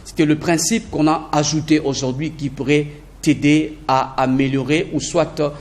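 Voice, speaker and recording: A man with a high voice gives an energetic video lesson as an English teacher. He repeats key phrases for emphasis and slips into English sentences now and then. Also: moderate pace.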